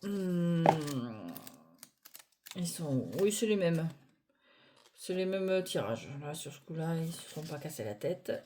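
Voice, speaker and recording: Lady chatting about her tarot decks, lots of ums, lowish voice, phone mic, faint hiss. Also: takes it slowly, long pauses. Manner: chatty, hesitant, self-deprecating, many fillers. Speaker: tarot deck reviewer. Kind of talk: casual deck review. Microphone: phone on a stand.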